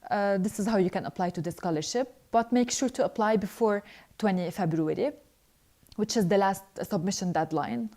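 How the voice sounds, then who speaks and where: A young woman who is a scholarship alumna reads viewer questions aloud and answers them earnestly during a live Q&A. Her voice is warm and medium in pitch, and she pauses hesitantly often.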